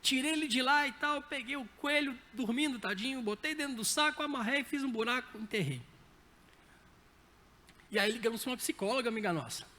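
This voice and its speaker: A man with a Brazilian Portuguese accent preaching a sermon, telling stories in a lively, humorous way. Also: very high voice, brisk. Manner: lively anecdotal storytelling with humor. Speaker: pastor. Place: church sanctuary. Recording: reverberant church hall.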